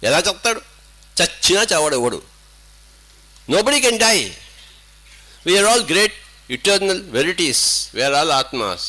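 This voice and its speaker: An older man delivers a spiritual discourse in a high, lively voice that swoops up and down. He hammers points home through repetition and rhetorical questions. His tone is bright and forceful. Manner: emphatic, repetitive, rhetorical questions, mixing in English and Hindi. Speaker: spiritual teacher.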